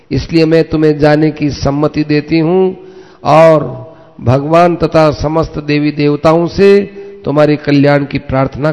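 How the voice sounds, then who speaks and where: A noble queen giving a solemn, formal blessing, as a narrator puts her on. The voice is slow and gravelly, with a long echo on a dull recording. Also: fairly high pitch, darkish tone.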